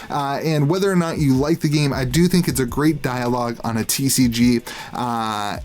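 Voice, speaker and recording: A man's voice: mid-range voice, darkish tone. A man hosting an interview show, chatting casually and enthusiastically with frequent restarts. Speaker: host.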